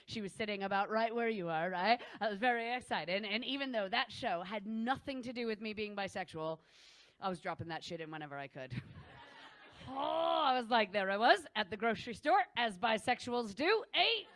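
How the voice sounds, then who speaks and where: A woman performing a stand-up comedy set, animated and laughing between lines as she acts out quoted exchanges. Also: mid-range voice, dry recording. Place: comedy venue room.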